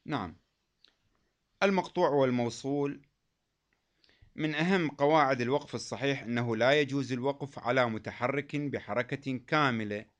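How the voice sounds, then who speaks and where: A man teaching a lesson on recitation rules, explaining patiently and repeating key phrases, in a dull lo-fi recording. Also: mid-range voice. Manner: chants quoted verses slowly.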